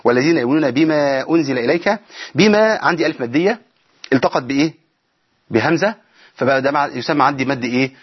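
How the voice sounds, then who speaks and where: The studio Quran recitation teacher, Egyptian-accented, sounds expressive and quick, with a breathy edge to his medium-pitched voice. The audio's highs are cut off as he explains each tajweed rule and keeps putting rhetorical questions to the audience.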